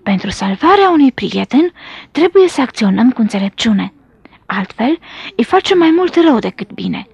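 A woman voicing a wise, cautious burdock plant in a storybook, counseling calm. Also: fairly high pitch, gravelly, slightly rough, dry recording, full character voice. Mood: thoughtful. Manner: thoughtful, counseling.

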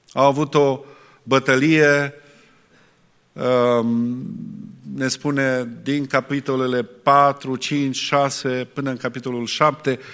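A man preaching a sermon, asking rhetorical questions and pausing often to restart. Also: mid-range voice, a bit bright. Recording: long reverb in a hall.

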